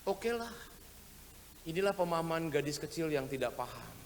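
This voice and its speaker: A man's voice: on the high side, moderate pace. A man with an East lilt preaching a sermon as pastor, telling stories with humor and acting out the people in them. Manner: humorous, lively storytelling with acted quotes. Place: church sanctuary. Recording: reverberant church hall with faint noise.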